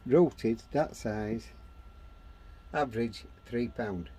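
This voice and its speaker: In an open-sided greenhouse on an allotment, a man explains gardening in plain, blunt, short phrases. His medium-pitched voice is very slow and warm with a breathy edge. The casual chat comes through noisy handheld outdoor camera audio.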